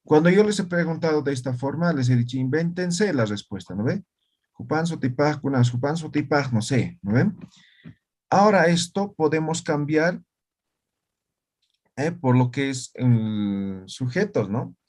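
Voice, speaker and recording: Slow-talking man teaching. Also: on the high side, animated, a little mellow. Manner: explains slowly, tagging lines with "¿no ve?" and "¿ya?". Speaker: language teacher. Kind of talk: online class lesson.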